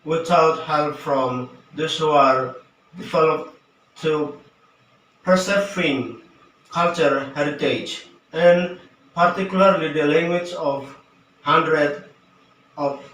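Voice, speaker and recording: A man's voice: fairly high pitch, fairly bright tone. Man, far from the mic. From Papua, Indonesia. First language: Western Dani. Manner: halting, with frequent fillers and broken phrasing. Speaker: dictionary writer and language activist. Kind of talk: prepared talk for an online event. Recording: roomy, far-off mic with faint noise.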